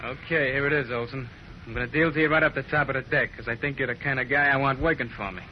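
A man's voice: medium pitch, fairly even intonation, fast talker, close to an everyday voice. Man playing tough streetwise young gang leader. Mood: confiding, tough. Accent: American. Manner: slangy, streetwise, curt. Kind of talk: 1940s radio drama acting. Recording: muffled, noisy vintage radio recording.

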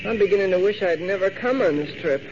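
Male actor as a high-voiced nervous boy sidekick. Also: fast, lightly acted. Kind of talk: 1940s radio acting. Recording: muffled, noisy vintage radio recording.

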